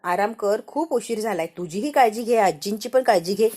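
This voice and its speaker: A woman voicing a kind young man who gently tells someone to rest and take care. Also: mid-range voice, moderate pace, lightly acted. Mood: caring.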